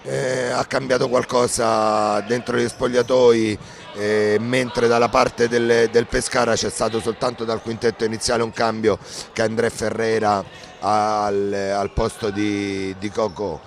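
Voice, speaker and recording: A man co-commentating as a coach, giving tactical analysis in hesitant, measured phrases. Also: fairly low pitch, level tone, vocal fry, a little hiss or hum.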